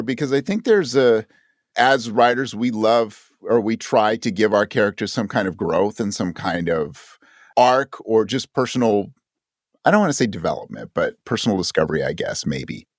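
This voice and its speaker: Heard in a very dry recording without room sound, this man is an audio drama writer giving an interview. His average-pitched voice is very animated at normal speed, though he thoughtfully hunts for words and revises himself mid-thought.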